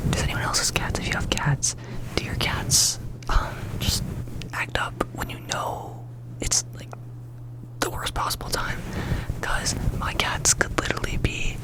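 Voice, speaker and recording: Young adult whispering ASMR, casual and rambling. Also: rough recording. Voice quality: breathy, unvoiced whisper. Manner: rambling, informal, repeats words and phrases. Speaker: ASMR creator. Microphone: close ASMR microphone with fluffy cover.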